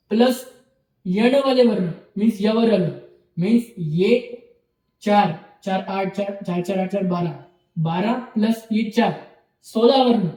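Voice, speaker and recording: A high, mellow-voiced man gives a lecture in a bare, echoing room, a little away from the mic. He counts items off in lists and checks in with his students after nearly every point, mixing English words into his Hindi. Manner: explains step by step, repeats lists, frequent "theek hai" and "okay" checks. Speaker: Sanskrit teacher. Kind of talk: recorded online lecture. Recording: roomy echo, mic at a distance.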